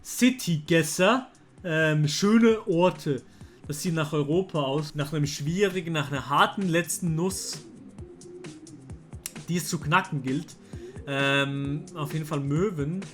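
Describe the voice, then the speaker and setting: A young man, talking casually to his chat while playing a guessing game, excitable and slangy. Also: on the high side, slow pace. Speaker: streamer. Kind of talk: casual gameplay commentary. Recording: faint music underneath.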